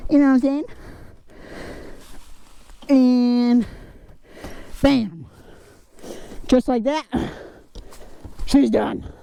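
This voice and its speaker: A woman's voice: high voice, extremely slow, gravelly, pauses often, smooth. A woman with an American accent giving casual, brash, profane and folksy commentary while riding off-road outdoors. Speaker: rider narrating own dirt bike ride. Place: outdoors on a moving off-road vehicle, wooded trail. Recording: loud engine and outdoor vehicle noise. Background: motorcycle engine, outdoor ambience.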